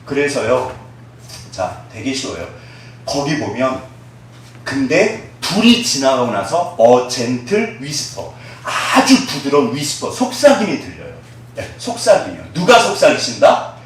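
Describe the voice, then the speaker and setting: A man, a pastor, preaching a sermon in a lively, conversational way, asking the congregation questions and acting out soft quoted voices. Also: medium pitch, a little slow, very echoey, distant mic, slight background noise. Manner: acts out quoted voices, dropping to a soft hush.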